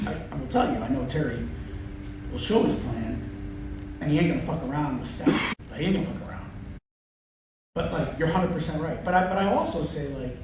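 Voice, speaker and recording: A man's voice: fairly high pitch, expressive, a little fast. A man speaking as an athletic director in a candid team meeting, blunt, profane and emphatic, in an unscripted way. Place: indoor meeting room, far from mic. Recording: echoey room, distant noisy covert-sounding audio.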